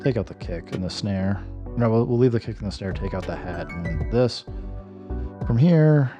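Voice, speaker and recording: Building a track live on stream, a producer talks through his casual walkthrough, correcting himself and sounding a little worn as he slightly loses his voice. He speaks at a moderate pace in a fairly low, animated voice over background music, and the audio is dull.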